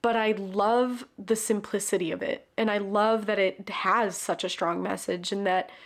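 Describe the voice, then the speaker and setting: A woman's voice: medium pitch, fairly even intonation, a little slow. A woman talking casually about favorite stories, chatty and loose, swearing now and then and acting out quotes. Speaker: book and film reviewer. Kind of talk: casual recommendation talk.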